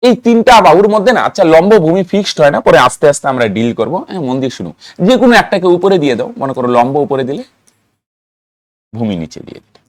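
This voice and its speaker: A math teacher talks in a fairly high voice. He quizzes students and chants rhyming memory tricks in a singsong rhythm. The sound is dry and close, with no room echo. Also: big pitch swings, very fast. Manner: rhythmic mnemonic chanting, asks students questions. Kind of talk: classroom lesson.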